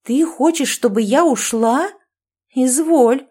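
A woman's voice: sits high, slow pace, mellow, breathy edge, pitched above the performer's own voice, exaggerated voice. A woman voicing a domineering, self-certain female friend who lectures and commands in a sarcastic tone, in an audiobook. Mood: angry. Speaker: language teacher.

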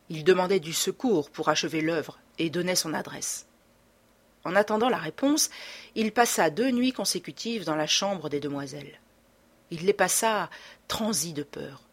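A woman reading a classic French adventure novel aloud in a measured, dramatic narration. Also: lowish voice, husky. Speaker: audiobook narrator. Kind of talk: scripted narration.

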